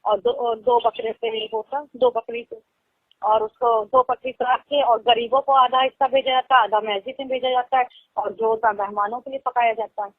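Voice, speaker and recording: On a tinny phone call, a young woman with a Lucknow Hindi accent speaks casually, her voice on the high side, steady and at normal speed, with no echo. She's the caller, laughing easily while explaining things at length.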